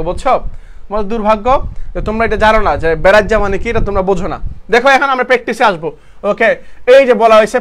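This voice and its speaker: A young man with a Bangladeshi Bengali accent teaching an online exam-prep vocabulary class. He repeats his questions to the students and corrects himself as he goes. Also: high-pitched. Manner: repeats questions to students, talks to them as "bhaiya"; casual, self-correcting explanations.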